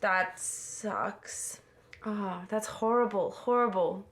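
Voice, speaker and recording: A woman reacting to a film as she watches it, casual and excitable, gasping and talking back to the screen. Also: medium pitch, takes it slowly. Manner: excitable, exclaims and gasps at the screen. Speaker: movie reaction host.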